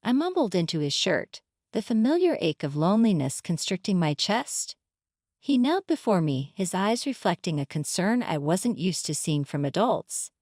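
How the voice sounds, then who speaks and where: A woman narrates a scripted first-person family story with dramatic storytelling. Her pitch swoops and moves a lot. The sound is dry and close, with no room around it. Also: big pitch swings, normal speed, darkish tone, dry recording.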